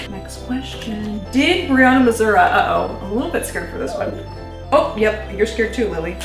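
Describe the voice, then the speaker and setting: A woman's voice: mid-range voice, lively intonation, moderate pace, creaky. A young woman in her twenties answering fan questions at home in a bubbly, giggly way, full of "like" and "um". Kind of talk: casual Q&A vlog. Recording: roomy echo from away from the mic, faint music.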